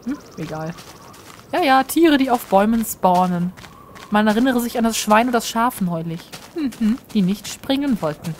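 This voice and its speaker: A woman's voice: on the high side, lively intonation, moderate pace, a little mellow, slight background noise. A woman giving chatty, self-mocking commentary while playing a game and talking to her viewers. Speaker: let's player. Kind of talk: casual gameplay commentary.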